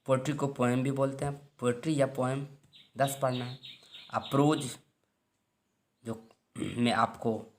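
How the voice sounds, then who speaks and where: Guy teacher going over exam syllabus, says each title slow twice, keeps clearing his throat. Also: medium pitch, fairly even intonation, a little hiss or hum. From India. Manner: reads each title slowly twice, then repeats. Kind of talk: syllabus lesson for exam students.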